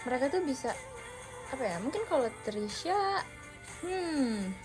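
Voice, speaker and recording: A young woman from an idol group hosts a live stream from her phone, chatting casually and loosely with viewers and using lots of fillers. Her voice is high and very animated, her pace measured, and music plays underneath.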